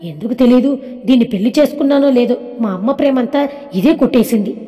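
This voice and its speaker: A woman's voice: on the high side, fast, warm tone, soft background music, natural voice. A woman reading the lines of a blunt, grumbling young husband in a storybook tale. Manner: grumbling, brusque. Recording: long reverb.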